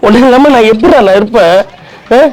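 A man doing a comic couple sketch, teasing and mock-accusing his partner with quick retorts. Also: very high-pitched, a little mellow.

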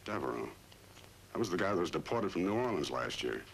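A man's voice: low voice, sing-song, fairly quick, vocal fry, fairly bright tone, a little hiss or hum, full character voice, rough recording. A suave, wry tough guy. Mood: stern. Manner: cool, wry, commanding. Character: suave tough male nightclub owner, wry. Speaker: lead detective character. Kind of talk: 1950s TV crime drama acting.

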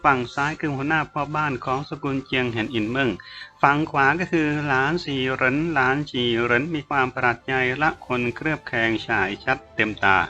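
Bright-voiced male audiobook narrator. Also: medium pitch, steady tone, dull audio, faint music behind. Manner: measured storytelling. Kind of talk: scripted narration of a novel.

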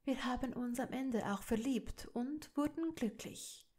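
A woman reads a soft-spoken noblewoman in a fan audiobook, earnest and pleading. Her voice sits somewhat high and unhurried. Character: gentle pleading noblewoman, wife and mother. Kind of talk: audiobook reading of fan fiction.

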